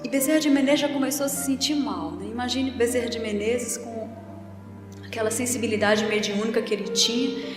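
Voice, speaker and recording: A woman's voice: fairly high pitch, brisk. A woman giving a spiritist public lecture in a hall, telling a story and acting out its voices. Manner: storytelling, acts out quoted voices. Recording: echoey hall from far off, faint music.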